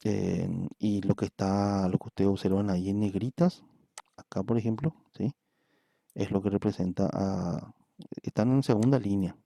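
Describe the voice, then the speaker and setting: A man's voice: lowish voice, fairly even intonation, normal speed, creaky, mellow. A man, a psychometry professor, giving a recorded statistics lecture. He explains patiently, repeats words and checks in with "¿verdad?" often.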